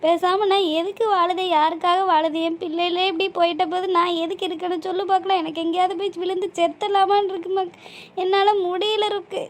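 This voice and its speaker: Cartoon: a guilt-stricken old mother, lamenting and tearful, very high. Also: flat delivery, a little fast. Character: grieving old village mother, guilt-ridden.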